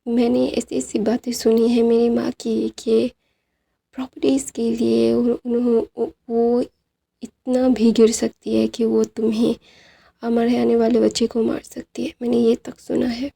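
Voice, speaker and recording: Brief: wounded, quietly questioning young man, voiced by a woman narrator, dark and gravelly, storybook retelling. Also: a little high, flat delivery, a little slow, heavily acted. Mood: bitter. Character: sad, wounded young man doubting he is loved.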